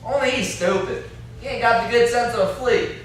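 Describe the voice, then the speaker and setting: A young man in an amateur stage play portrays an indignant country captive, uneasy and blustering, who complains and threatens in folksy terms. His voice is extremely high, fairly bright and a little fast. A far camera mic records him in an echoey, classroom-like indoor room with faint background noise.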